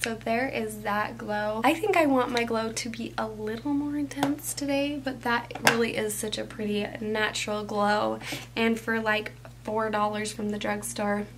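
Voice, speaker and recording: Chatty young woman with a bright voice. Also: fairly high pitch, fairly even intonation, a little slow, background noise. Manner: chatty and enthusiastic, drifts into soft whispers. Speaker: beauty vlogger. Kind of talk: casual makeup tutorial.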